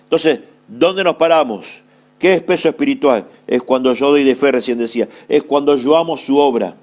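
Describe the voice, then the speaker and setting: A man's voice: medium pitch, moderate pace, darkish tone. Argentine man preaching a sermon. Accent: Argentine Spanish. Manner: repeats phrases, asks and answers own questions. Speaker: apostle preaching.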